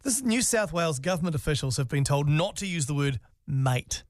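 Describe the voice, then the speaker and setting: This man speaks in a high voice with a broad Kiwi accent. He banters casually as a breakfast radio host, recorded dry and close. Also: lively intonation, a little fast, no room sound. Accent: New Zealand.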